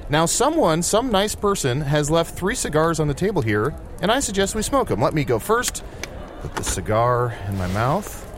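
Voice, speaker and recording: Man as a brash, very animated adventurer. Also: a little high, moderate pace, a little hiss or hum. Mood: breezy. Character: brash, vain, foul-mouthed male fantasy adventurer. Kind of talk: improvised comedy dialogue.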